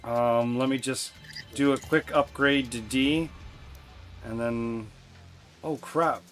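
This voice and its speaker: Slow, easygoing male game streamer. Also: mid-range voice, fairly even intonation. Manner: easygoing, thinks aloud while picking menus. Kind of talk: casual gameplay livestream chat. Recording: faint music behind the voice.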